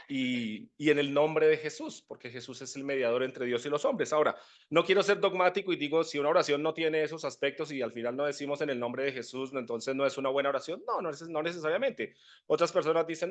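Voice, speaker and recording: A man giving a conversational Bible teaching, often checking in with listeners. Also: fairly high pitch. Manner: conversational, often asks "¿cierto?". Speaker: preacher.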